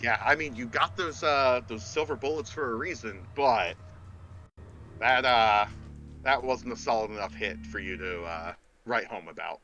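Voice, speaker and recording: A man narrating as game master in a relaxed, filler-filled way. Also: medium pitch, normal speed, dull audio, faint music behind. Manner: relaxed, uses many fillers.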